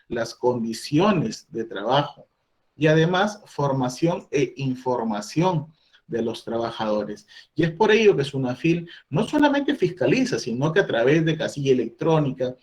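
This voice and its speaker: In an online training presentation on labor inspections, a middle-aged man explains things step by step and voices the questions an employer might ask. His voice is medium in pitch and a little mellow.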